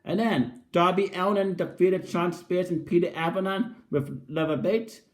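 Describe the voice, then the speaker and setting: A man's voice: high-pitched, fairly even intonation, moderate pace. A man giving a casual spoken review of a wrestling show as an enthusiastic fan, often repeating and restarting his phrases.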